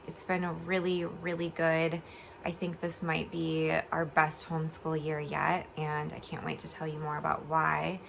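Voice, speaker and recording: A woman's voice: sits low, monotone, a little slow, creaky, a little hiss or hum. A young adult woman chatting casually in a giggly, rambling vlog style, her speech slightly slurred and funny from a swollen mouth after oral surgery. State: recovering from oral surgery, talking a bit funny. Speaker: homeschool vlogger. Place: bed at home.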